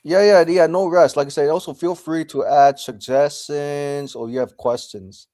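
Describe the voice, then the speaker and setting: A man's voice: on the high side, fairly even intonation, normal speed, mellow, no room sound, clean studio sound. A man chatting casually on a group call, polite and accommodating. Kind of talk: casual chat.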